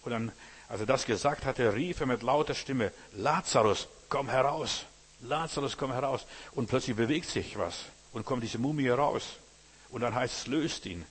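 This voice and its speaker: A man's voice: mid-range voice, lively intonation, moderate pace, breathy edge. A man preaching a sermon in earnest German-language style, addressing his listeners directly as brothers and sisters.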